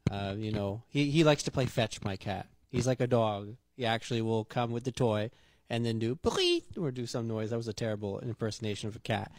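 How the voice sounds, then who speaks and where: A young man chatting casually, relaxed and self-deprecating, with many fillers. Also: fairly low pitch, brisk, no room sound. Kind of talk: casual chat.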